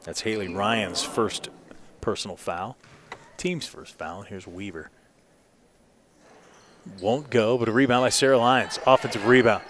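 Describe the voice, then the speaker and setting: A man with a lowish voice calls a basketball game as the play-by-play announcer, his sports commentary rapid and rising with excitement whenever someone scores. A loud gym crowd fills the background.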